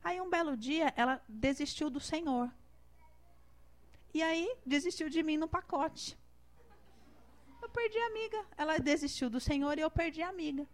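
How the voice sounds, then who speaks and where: A high-pitched woman with a Brazilian Portuguese accent gives a sermon woven with personal testimony. She talks conversationally and with feeling, acting out her own prayers as she goes. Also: moderate pace, pauses often. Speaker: preacher.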